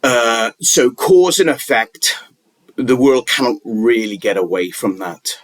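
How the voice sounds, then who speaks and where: This medium-pitched man speaks off the cuff about wellness, with no room sound in the recording. His delivery is halting and rambling, full of restarts and filler words.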